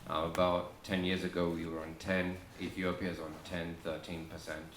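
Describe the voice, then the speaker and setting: Deep-voiced Australian man at a panel. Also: a little hiss or hum. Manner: relaxed, halting with many ums and restarts. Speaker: panel speaker. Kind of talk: conference panel talk. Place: conference room. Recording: echoey conference room with faint ambience.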